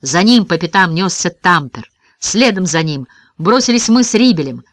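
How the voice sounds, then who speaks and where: A man narrates a first-person story in an expressive audiobook reading. His voice moves freely up and down with lively intonation. The recording is dry and close. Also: sits high, normal speed, no echo.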